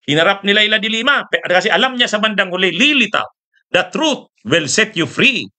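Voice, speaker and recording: Male host, high and bright, sarcastic rhetorical political chat. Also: expressive, moderate pace. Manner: mocking, rhetorical, laughs often, sips coffee. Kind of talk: casual political commentary.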